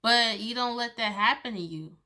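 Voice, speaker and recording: Bright-voiced woman giving a casual tarot reading. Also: a little high, normal speed. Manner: loose, chatty, swears often, laughs between thoughts. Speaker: tarot reader.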